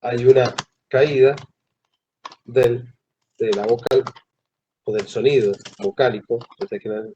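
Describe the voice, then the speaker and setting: A male teacher giving a classroom lecture, who asks the students questions and pauses mid-phrase. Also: mid-range voice, mellow, a little hiss or hum. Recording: dull lo-fi classroom recording.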